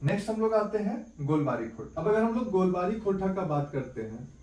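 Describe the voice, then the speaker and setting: A man's voice: high-pitched, big pitch swings, fairly quick, warm tone. Man teaching in an echoey room. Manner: repeats key points as questions and answers them. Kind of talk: exam-prep lesson. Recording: echoey room, mic at a distance.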